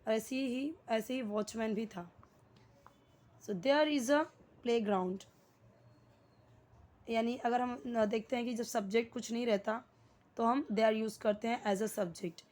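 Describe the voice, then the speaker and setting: A young woman teaching English grammar with an Indian English accent. Her voice sits a little higher than most women's. She explains each point patiently and quizzes her listeners as she goes. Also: darkish tone. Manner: explains slowly, checks with questions and repeats key words. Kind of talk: Hindi-medium English grammar lesson.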